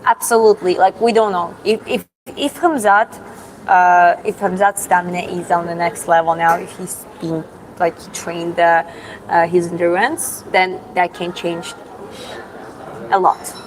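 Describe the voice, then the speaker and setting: A young Georgian woman with a Georgian accent hosts a casual livestream, answering comments with many fillers and restarts. Her fairly low voice is fairly even and a little slow, in a low-quality recording with a bit of hiss or hum.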